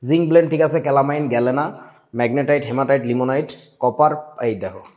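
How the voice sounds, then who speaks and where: A man's voice: medium pitch, fast, a little mellow. A young man teaching chemistry, blunt and scolding, mixing in English words and quizzing his students. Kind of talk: online class lecture.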